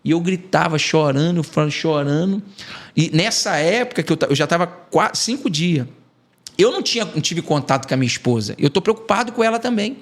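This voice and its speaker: A man's voice: on the high side, brisk. A man from Brazil, an evangelist giving an emotional testimony on a podcast and acting out the dialogue. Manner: animated storytelling, acting out quoted dialogue. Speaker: evangelist guest.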